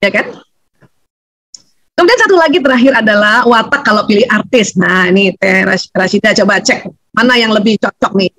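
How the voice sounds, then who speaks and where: A middle-aged woman giving a lively seminar talk on family life, chatty and laughing often. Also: mid-range voice, a little fast, dry recording, rough recording. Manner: animated, chatty, laughs often, acts out quotes. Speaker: seminar speaker on family relationships.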